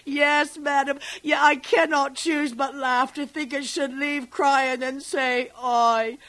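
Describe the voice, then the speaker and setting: A woman's voice: high-pitched, fairly bright tone, poor audio. A woman performing a classical stage monologue as a garrulous, fond old nurse who rambles and digresses. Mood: amused. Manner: rambling, digressive, breaks into laughter.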